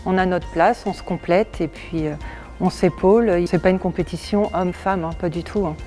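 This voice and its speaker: Woman, 40s, volunteer firefighter; sincere, unhurried testimony, soft music bed. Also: lowish voice, fairly even intonation. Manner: plain, earnest, hesitant fillers. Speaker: volunteer firefighter and nursing assistant. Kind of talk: interview testimony.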